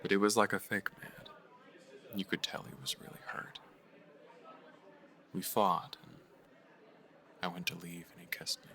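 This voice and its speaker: A guilty young man in an audio drama; low, bright voice, soft and halting, drops to near-whispers. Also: steady tone, vocal fry, full character voice. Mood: wistful. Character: guilt-ridden young man, former friend. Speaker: [name].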